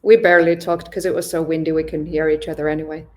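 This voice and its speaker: A young Finnish woman, a long-distance cyclist appearing as a podcast guest, chats casually and thoughtfully in an interview, restarting often. Her voice sits low and a little mellow, and she talks fast with a flat delivery.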